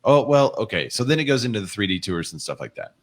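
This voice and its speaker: A man's voice: fairly low pitch, sing-song, fast talker. A man co-hosting a casual real estate livestream, chatting and reading viewer comments and news articles aloud. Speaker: co-host of a real estate show.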